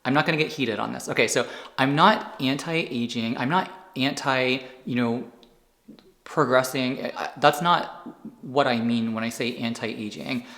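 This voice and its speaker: A man's voice: medium pitch, a little slow, a bit bright. A man talking casually to camera as a skincare creator, rambling and correcting himself as he explains, then patiently defending his point. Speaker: skincare YouTuber.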